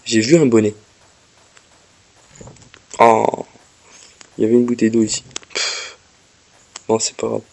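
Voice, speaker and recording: A man gives casual walkthrough commentary on his game, explaining each step for viewers and talking to the game, while slightly ill and coughing. His voice is on the low side and a little mellow, with vocal fry and little pitch movement. He speaks at a measured pace and pauses often.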